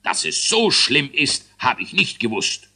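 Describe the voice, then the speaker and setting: A man's voice: medium pitch, very animated, a little slow, pushed and bright, husky, pitched above the performer's own voice, full character voice. A man voicing a grumpy, short-tempered dwarf king who grumbles and blusters. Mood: furious.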